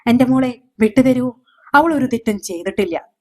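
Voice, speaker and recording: A woman voicing an older father who pleads loudly for his daughter. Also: medium pitch, normal speed, natural voice. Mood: anguished. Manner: pleading, raised voice. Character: grieving proud father, older man.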